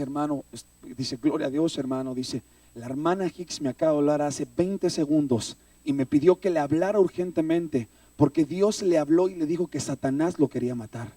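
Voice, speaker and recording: A man's voice: medium pitch, mellow, no echo. A man preaching a sermon, telling his own story emotionally and often calling out "brother". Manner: emotional storytelling, repeatedly addressing "hermano". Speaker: preacher giving testimony. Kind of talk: sermon testimony. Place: church, recorded live. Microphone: phone stream from a distance. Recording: distant phone livestream of a church.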